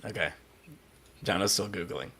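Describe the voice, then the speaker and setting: A man's voice: low voice, moderate pace, bright, forceful tone, slightly rough. A man hosting a casual live podcast watch party and running trivia, laughing often as he talks.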